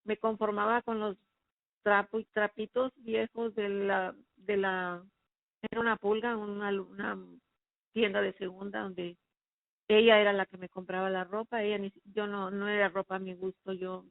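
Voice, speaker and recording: A woman's voice: mid-range voice, flat delivery, moderate pace, creaky, no echo. Woman with a dry, phone-like sound. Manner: earnest, emotional recounting. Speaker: person giving a faith testimony. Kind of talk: personal testimony.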